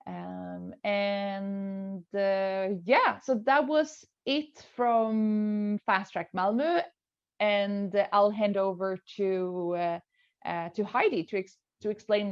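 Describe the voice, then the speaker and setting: A woman's voice: medium pitch, slow pace, clear, resonant tone, muffled recording. A woman hosting a webinar over a video call, with many fillers and restarts as she explains the schedule. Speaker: event host.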